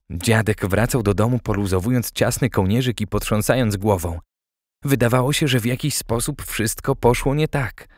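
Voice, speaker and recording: A man narrating an audiobook in a steady, even storytelling manner. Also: on the low side, dry recording, studio quality.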